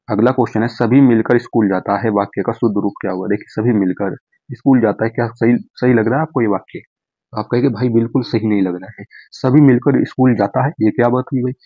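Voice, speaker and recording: A man's voice: lowish voice, no echo. A man teaching an exam-prep Hindi class, walking students through answers in a friendly, coaxing way and often repeating the same checking phrase. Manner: repeats "ठीक है जी" and calls students brother. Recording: dull, dry, slightly lo-fi.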